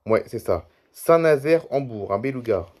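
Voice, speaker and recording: A man's voice: mid-range voice, animated, normal speed, darkish tone. A tired man YouTuber giving rambling, chatty commentary over a screen recording, reading out flight routes one after another.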